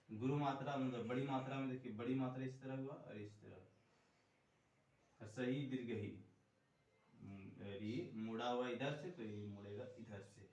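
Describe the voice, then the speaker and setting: A man's voice: mid-range voice, a little mellow. A male teacher giving a lesson, explaining step by step and asking and answering his own questions. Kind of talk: classroom lecture. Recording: echoey room, distant mic.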